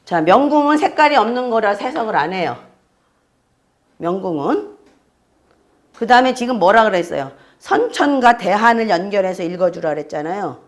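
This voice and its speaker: A woman's voice: medium pitch, sing-song. A woman teaching an astrology class, explaining step by step, repeating key terms and often checking whether her students follow. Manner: keeps checking students with quick questions. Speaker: fortune-telling astrology teacher. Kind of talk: classroom lecture.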